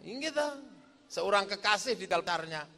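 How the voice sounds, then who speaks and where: A man's voice: high-pitched, lively intonation, normal speed, bright, forceful tone. A man preaching a sermon, joking and telling stories, sometimes singing verses. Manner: joking, storytelling, mixes in sung verses. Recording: long hall reverb.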